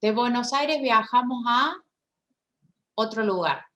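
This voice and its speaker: A woman who gives voice to a signed lecture in first person. She talks haltingly, with restarts and frequent checks for agreement. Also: a little high, fairly bright tone, dull audio. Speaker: sign language voice interpreter.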